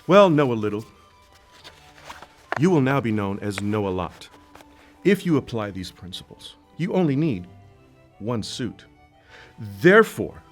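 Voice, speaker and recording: A grandiose, fussy host figure in a comedy skit, played by a man. His pitch swoops widely as he lays each phrase out with lofty over-deliberation. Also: lightly acted. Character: pompous self-important male advice-show host.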